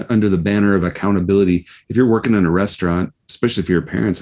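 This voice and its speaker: A man hosting a casual interview, talking in a halting, reflective way with many restarts. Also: deep voice, mellow. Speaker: podcast host.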